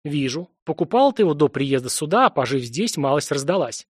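A man's voice: a little high, big pitch swings, brisk, breathy edge, no room sound, studio quality. A man doing a stern bossy grandmother. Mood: brisk. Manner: curt, bossy, dryly ironic. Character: stern commanding grandmother, older woman.

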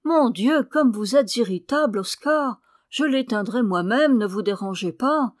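Une femme qui prête sa voix à une jeune épouse coquette et piquée, au ton faussement angélique. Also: female voice, fairly high pitch, animated, moderate pace, a little mellow, no room sound, studio quality, close to an everyday voice. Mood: piqued. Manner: piqued, affected sweetness. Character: coquettish, prickly young wife at bedtime.

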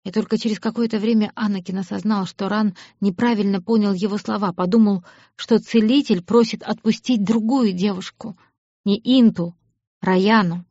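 A woman reading scripted audiobook narration in a measured, expressive way. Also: medium pitch, no echo. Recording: dull lo-fi audiobook recording.

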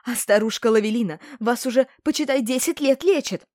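A woman voicing a scheming old female herb seller who wails loudly and indignantly, in an audiobook. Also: fairly high pitch, fairly quick, no room sound, clean studio sound, pitched above the performer's own voice, close to an everyday voice. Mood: shrill wailing. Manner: loud, wailing and indignant.

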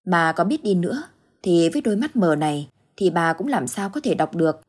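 A woman narrating a ghost story in steady, measured scripted storytelling. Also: on the low side, husky.

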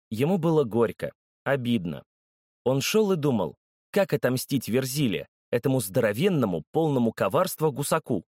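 A man's voice: mid-range voice, darkish tone. A man reads a children's story aloud, his mid-range voice moving expressively. The recording is close and dry with no room echo. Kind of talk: scripted audiobook narration of a children's story.

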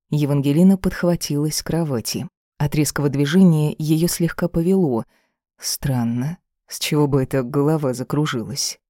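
Measured audiobook narrator. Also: medium pitch, warm tone, no echo, studio quality. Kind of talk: scripted narration of a fantasy novel.

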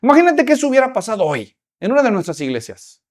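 A man preaching a sermon at a church conference, animated and acting out scenes with humor. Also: very high-pitched, quick pace.

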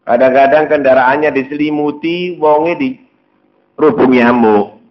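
A man's voice: mid-range voice, measured pace. A man preaching a storytelling sermon, slipping into dialogue as he retells a scene. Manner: storytelling sermon, mixing Javanese words into Indonesian, acting out dialogue. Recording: dull lo-fi recording.

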